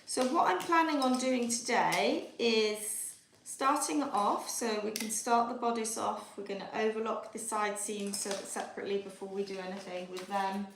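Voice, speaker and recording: Recorded in an echoey home kitchen with background noise, this Yorkshire-accented woman from Yorkshire, England, hosts a live sewing tutorial, chatting and thinking aloud as she works. Her voice is medium-pitched and moderately paced.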